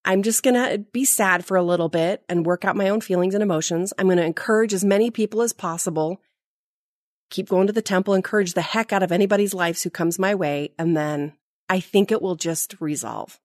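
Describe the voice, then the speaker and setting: Lively self-mocking woman, dry sound. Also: on the low side, brisk, no echo. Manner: animated, self-mocking storyteller who laughs at herself. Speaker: guest. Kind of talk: casual faith podcast chat.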